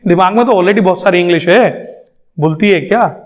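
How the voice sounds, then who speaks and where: A man's voice: high-pitched, brisk. A male English trainer, lecturing a class emphatically and answering his own questions. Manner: emphatic, repeats points, asks questions then answers them.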